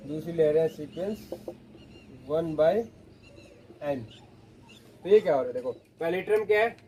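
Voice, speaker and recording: A man lecturing on mathematics in a high but mellow voice, walking through each step and putting questions to his students. A faint hiss of noise sits behind him. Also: expressive, moderate pace, poor audio. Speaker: math teacher. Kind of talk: classroom lecture.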